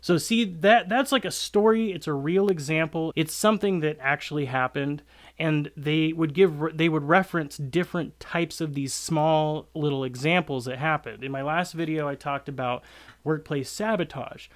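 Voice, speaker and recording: Man, fairly high voice, chatty advice monologue, loose and filler-heavy, slips into quick quoted voices. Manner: conversational, uses many fillers, acts out quotes. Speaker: content creator giving hiring advice to cooks.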